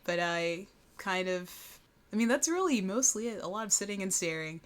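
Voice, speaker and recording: A woman's voice: medium pitch, expressive, normal speed. A woman co-hosting a podcast in casual chat, rambling along in a self-deprecating way. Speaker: podcast co-host.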